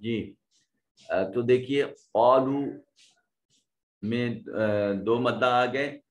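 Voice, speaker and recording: A man teaching a tajweed lesson, explaining pronunciation rules step by step and demonstrating the sounds himself. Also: mid-range voice. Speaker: Quran teacher.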